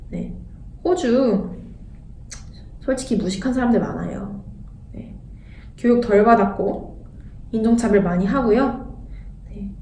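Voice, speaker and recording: A woman's voice: mid-range voice, mellow, a little hiss or hum. A young Korean woman talking candidly in a casual vlog, blunt and sarcastic at times. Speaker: vlogger. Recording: echoey room, voice a bit distant.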